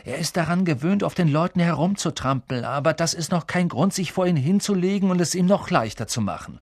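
A man's voice: fairly high pitch, lively intonation, a little fast, a little mellow, no echo, clean studio sound, voice pushed up. A man voicing a blunt, loyal teenage schoolboy who talks insistently in an audiobook. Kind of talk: audiobook character voice.

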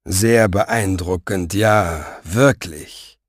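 A man voicing a scheming villain in an audiobook, speaking softly and slowly with a velvety menace. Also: low voice, no room sound, clean studio sound, pitched below the performer's own voice, full character voice. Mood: silkily menacing. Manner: soft, velvety, slow, menacing. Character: smooth scheming male sorcerer-reader, soft-voiced and menacing.

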